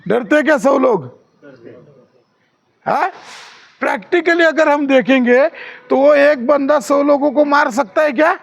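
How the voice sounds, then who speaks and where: A man's voice: extremely high pitch, measured pace, gravelly, pauses often, muffled recording. A man training security guards in class, quizzing the trainees with questions and showing rude and polite ways to talk.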